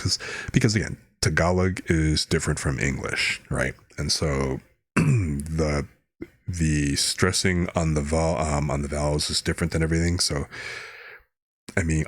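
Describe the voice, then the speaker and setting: Streamer guy from the us, super low voice, dry sound, just rambling through stories casually. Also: fairly bright tone, husky, no room sound. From United States. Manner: rambling, anecdotal storytelling. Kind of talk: casual chat.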